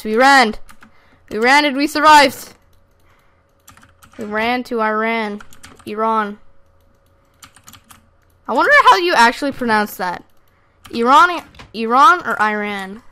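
A woman runs live commentary over her own gameplay, her voice sitting somewhat high. She gets excitable, curses freely and keeps turning to address her viewers directly. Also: normal speed, clear, resonant tone. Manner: excitable, swears freely, talks straight to viewers. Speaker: gaming channel host.

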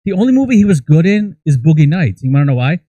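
Talking fast and very animated, an American podcast co-host in his thirties gives crude, opinionated, swear-filled comic movie commentary close to the mic in a small indoor studio. His voice is fairly high with a dark tone; there's no echo, but the highs are cut off.

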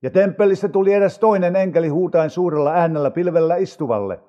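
A man reads scripture aloud in a solemn, measured manner. His voice sits high for a man but sounds mellow. The recording is somewhat dull and carries a long reverb. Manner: measured, unhurried reading. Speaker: audio Bible reader.

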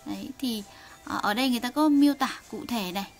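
Woman, Vietnamese teacher of Korean, slightly high voice, patient and clear for learners. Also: soft background music. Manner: slow, patient, drills sounds for students to repeat. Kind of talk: online language lesson, reading aloud for learners.

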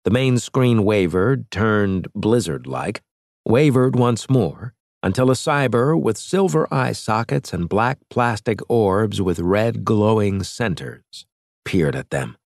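A man's voice: lowish voice, expressive, slow, darkish tone, no echo. Dry, close male audiobook narrator. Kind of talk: scripted narration.

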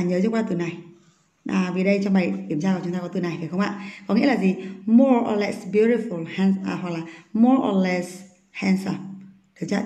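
A woman teaching an English vocabulary lesson. She reads English sentences slowly, explains them quickly and often asks her students check questions. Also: medium pitch, warm tone, roomy sound.

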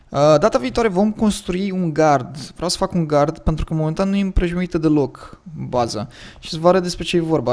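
A man with a Romanian accent chatting casually as he plays and thinks aloud, his voice a little hoarse from the early morning. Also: a little high, darkish tone. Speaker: gaming commentator. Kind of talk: casual gameplay commentary.

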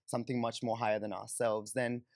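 Seated on a sofa in a small podcast studio, a young man with a Kenyan accent talks a little fast in a creaky, mid-range voice with a level tone. As a guest, he tells personal stories informally, full of "like" and "you know." A close boom-arm studio mic gives studio-quality sound with no echo.

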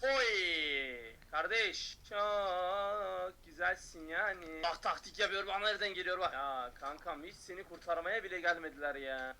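A man streaming a shooter game, taunting opponents with loud mocking shouts and quick low asides to his chat. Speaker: gaming streamer. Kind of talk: excited gameplay commentary.

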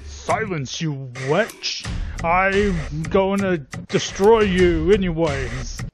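A man's voice: high-pitched, expressive, very slow, over music, exaggerated voice. A man voicing a pompous cartoon knight, a self-declared magical lord full of theatrical, menacing bluster.

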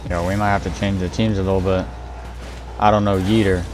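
A man streaming a car-soccer game, chatting casually to his viewers in an excitable, slangy way and giggling often. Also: low-pitched, fairly quick, music in the background. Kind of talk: casual gameplay commentary.

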